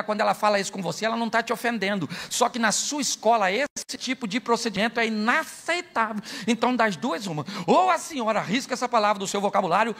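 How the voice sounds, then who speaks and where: A man's voice: high voice, vocal fry, fairly bright tone. A middle-aged Brazilian man preaching a humorous sermon, telling stories, acting out dialogue and asking his listeners questions. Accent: Brazilian Portuguese. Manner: jokey, acts out dialogue, asks the crowd "sim ou não?". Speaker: pastor.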